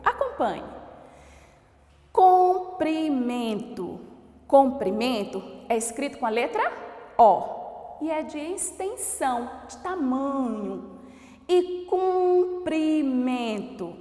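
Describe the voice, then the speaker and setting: A woman teacher from Brazil giving an online grammar lesson, speaking slowly and sounding out each word while checking in with her pupils. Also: high voice, reverberant, big-room sound. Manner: slow, didactic, sounds out words and asks the class questions.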